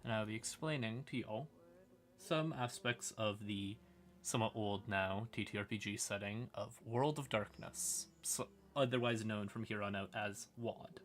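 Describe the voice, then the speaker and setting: With quiet music in the background, a livestream host talks things through casually, folksy and rambling, saying howdy and y'all and muttering to himself now and then. He speaks a little slowly in a lowish voice.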